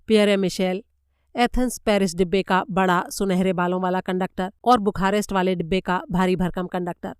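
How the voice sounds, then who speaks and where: Smooth-voiced woman reading a story. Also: on the low side, moderate pace, no echo, clean studio sound. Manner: steady storytelling. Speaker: audiobook narrator. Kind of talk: scripted narration.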